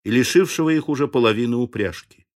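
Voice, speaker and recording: A man reads a classic novel aloud as an audiobook narrator. His middle-pitched voice stays measured and expressive, with a steady, deliberate delivery. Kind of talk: scripted literary narration.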